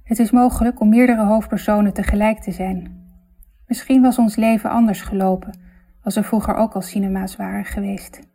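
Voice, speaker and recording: A woman reads literary fiction aloud in a reflective, intimate manner. Her voice is warm and mellow, and her delivery is measured. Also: medium pitch, steady tone. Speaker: narrator. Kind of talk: literary audiobook narration.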